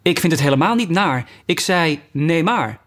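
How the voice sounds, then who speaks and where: A man's voice: on the high side, animated, normal speed, a bit bright, voice pushed up. A man reading a storybook aloud voices a bold, forthright young girl. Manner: firm, forthright.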